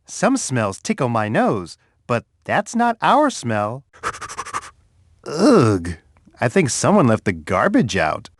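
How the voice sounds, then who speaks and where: A man voicing a big friendly bear who cheerfully guides children through an edutainment game, encouraging them with expressive, playful reactions. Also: medium pitch, takes it slowly, no echo, full character voice. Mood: playfully disgusted. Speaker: children's game character and storyteller.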